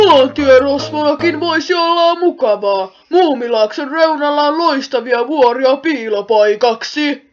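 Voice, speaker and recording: A woman's voice: high voice, close to an everyday voice. A woman voicing a flustered, easily panicked male police chief in an amateur cartoon fan dub. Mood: coaxing. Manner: frantic, shouting, then coaxing. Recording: muffled audio with music underneath.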